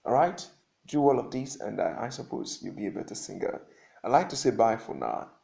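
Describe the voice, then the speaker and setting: A man's voice: mid-range voice, expressive, brisk, gravelly, mellow. A man coaching singers through breathing exercises while seated, giving instructions with frequent check-ins like "okay?". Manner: instructive, repeats points, asks "okay?". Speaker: vocal coach. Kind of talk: spoken singing lesson.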